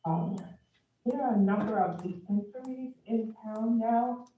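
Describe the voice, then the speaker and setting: Hesitant female caller, slow, phone-quality sound played in an echoey room. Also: on the high side, recorded from a distance, a little hiss or hum. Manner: hesitant, many ums. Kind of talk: public comment by remote call. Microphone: remote call.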